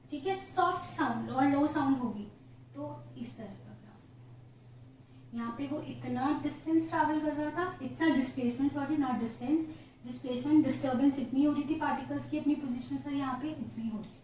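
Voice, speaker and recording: A woman's voice: high-pitched, moderate pace, slight background noise. A woman teacher explaining a physics lesson step by step, asking questions and answering them herself. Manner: mixes Hindi with English phrases, often says "theek hai". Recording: echoey room, voice from far off.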